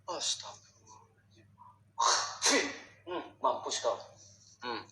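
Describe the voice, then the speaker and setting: A young man hosting a ghost-hunting explore vlog, talking slowly with a questioning tone and often muttering prayers, sometimes dropping to hushed, whispery asides. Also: medium pitch. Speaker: vlog host exploring a haunted spot. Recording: echoey space with faint background noise.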